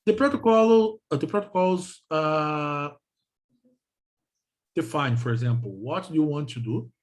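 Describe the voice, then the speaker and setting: With a darkish tone and a voice on the high side, a Brazilian-accented native Portuguese speaker delivers a technical lecture in halting English, often repeating himself and checking in with short questions.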